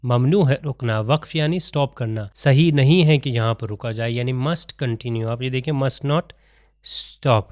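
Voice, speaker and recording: A man's voice: mid-range voice, a little mellow, dry recording, studio quality. Man teaching a Quran recitation lesson. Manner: explains step by step with examples, recites Arabic verses slowly. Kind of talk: recorded online recitation lesson.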